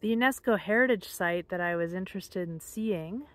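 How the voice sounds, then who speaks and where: This is outdoor phone audio, with background noise, of a middle-aged woman vlogging a hike along hillside forest trails. She muses casually to the handheld phone at arm's length in a lowish voice at normal speed, with no echo.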